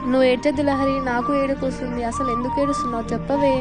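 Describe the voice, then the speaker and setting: Rapid-talking earnest woman. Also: high voice, level tone. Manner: advising, earnest. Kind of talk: comedy skit acting. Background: music.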